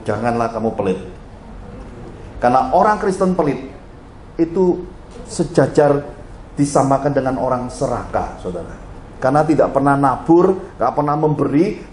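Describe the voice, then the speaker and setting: A man's voice: on the high side, slight background noise. A middle-aged man, preaching a sermon and telling stories to his congregation, often speaking to them directly. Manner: animated storytelling, addressing the congregation directly. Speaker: pastor. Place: church hall. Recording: roomy church hall echo.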